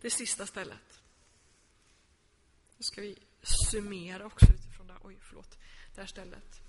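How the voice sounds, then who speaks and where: A woman's voice: mid-range voice, flat delivery, darkish tone, in a large hall, a little hiss or hum. A woman pastor giving an earnest sermon, explaining and reading Bible passages aloud.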